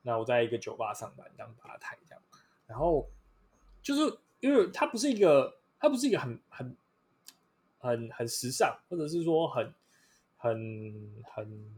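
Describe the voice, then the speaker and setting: A man's voice: mid-range voice, husky. A young man with a Taiwanese Mandarin accent hosting a casual solo podcast, blunt and rambling, swearing freely with lots of fillers. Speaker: podcast host.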